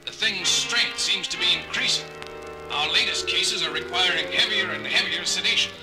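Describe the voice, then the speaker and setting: An actor playing a gruff, worried male ship's doctor who talks in a blunt, harried way. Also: sits high, normal speed, over music, lightly acted, poor audio.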